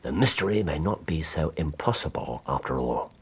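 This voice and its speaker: An English actor playing Sherlock Holmes in a radio drama, a shrewd, intense detective with a precise, theatrical way of talking. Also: male voice, a bass voice, expressive, normal speed, slightly rough, full character voice. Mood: wry, absorbed.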